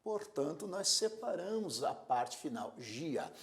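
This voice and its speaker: Man lecturing, lively, gravelly. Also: a little high. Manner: slow, deliberate, repeats words syllable by syllable; asks rhetorical questions to the learner. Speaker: Portuguese grammar teacher. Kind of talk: classroom lecture.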